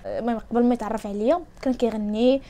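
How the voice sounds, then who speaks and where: A young woman with a Moroccan accent tells her viewers a personal story in a chatty vlog. She talks at a very fast clip in a somewhat high voice. She often repeats words for emphasis. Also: steady tone, warm tone. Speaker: vlogger.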